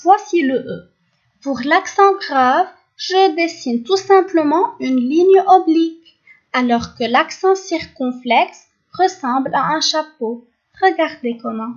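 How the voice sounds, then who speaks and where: A woman teacher with a Lebanese French accent, giving a phonics lesson and pronouncing each sound and syllable very slowly and clearly. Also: sits high, expressive. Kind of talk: recorded phonics lesson for young pupils. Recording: dull lo-fi recording.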